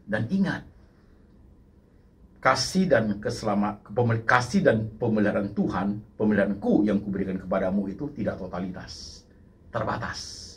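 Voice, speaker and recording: A man voicing God speaking softly and slowly to believers, promising to stay with them. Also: on the low side, lively intonation. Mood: stern.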